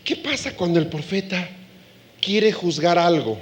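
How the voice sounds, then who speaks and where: High-voiced animated male preacher. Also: measured pace. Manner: animated, acts out quoted voices, laughs with audience. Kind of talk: sermon.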